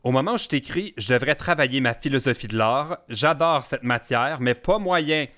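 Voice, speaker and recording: A man with a Quebec French accent hosting a casual podcast chat, playful and quick to laugh. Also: medium pitch, fairly bright tone. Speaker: podcast host.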